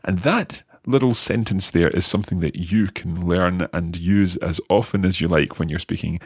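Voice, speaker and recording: Brief: man, low husky voice, learner co-host walking through phrases, dry close recording. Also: moderate pace, dry recording. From Scotland. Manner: explains and translates phrases step by step. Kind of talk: casual lesson talk.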